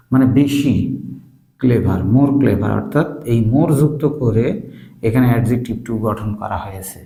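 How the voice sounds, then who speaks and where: A man explaining English grammar in Bengali, speaking slowly with pauses and spelling words out letter by letter. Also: medium pitch, creaky, mellow, roomy sound, low-quality recording. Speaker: English teacher.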